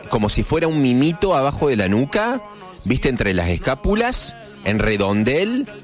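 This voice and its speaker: Speaking at a normal speed in a mid-range, very animated voice, this Argentine radio host with a Córdoba accent runs a laid-back morning show. Faint music sits under his chatty talk, jokey asides and playful mock voices.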